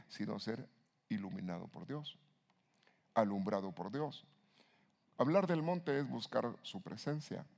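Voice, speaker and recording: Gravelly-voiced man preaching emphatically. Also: medium pitch. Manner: emphatic preaching with sudden loud rises and rhetorical questions. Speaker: pastor. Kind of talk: sermon.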